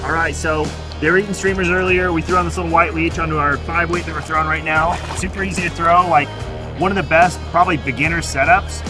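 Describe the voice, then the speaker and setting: A man's voice: on the high side, steady tone, fast talker. A man in his thirties kneeling in a river, explaining his fishing setup in an upbeat, practical way. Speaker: fly fishing guide. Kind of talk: gear explainer with a product plug. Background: music.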